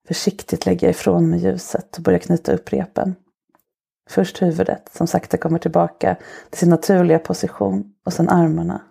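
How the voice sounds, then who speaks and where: A woman narrates an adult short story for her podcast, her low voice heavy with gravelly fry. She reads slowly and softly, with an intimate hush, and her tone stays dark and mellow throughout. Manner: slow, soft, intimate storytelling. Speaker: podcast host.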